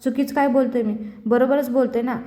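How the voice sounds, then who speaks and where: A woman's voice: high-pitched, steady tone, a little fast, warm tone, close to an everyday voice. A woman doing a scornful, entitled young man. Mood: resentful. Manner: scornful, insulting, whining. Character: angry young man demanding money from parents. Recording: echoey room.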